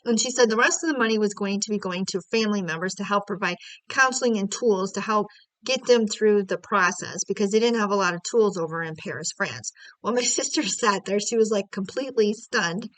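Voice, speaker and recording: A woman's voice: mid-range voice, brisk, a bit bright, no room sound, low-quality recording. A woman from the United States telling a family story in a casual, chatty way, acting out conversations with small laughs between phrases.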